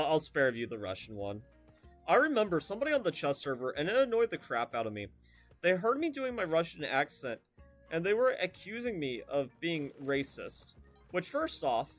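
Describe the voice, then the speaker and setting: A young man streaming a video game, chatting casually and rambling off into tangents with lots of fillers. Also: on the high side. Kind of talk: casual gameplay commentary.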